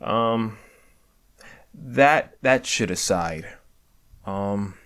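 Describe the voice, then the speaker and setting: A man's voice: fairly low pitch, lively intonation, very slow, a bit bright, smooth. A man giving a candid year-end reflection, stammering and restarting often, swearing casually, earnest and self-deprecating. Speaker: video creator.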